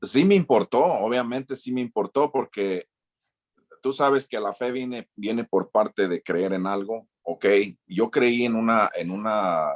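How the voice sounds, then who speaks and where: A Mexican man with a lowish voice, once a missionary, answers an interview question slowly. He restarts often and repeats words.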